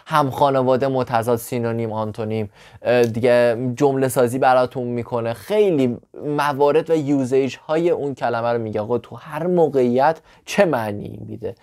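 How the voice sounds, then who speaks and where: Man teaching English tips in lively Persian. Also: medium pitch. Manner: animated, talks straight to the viewer, blunt asides. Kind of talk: casual spoken lesson to camera.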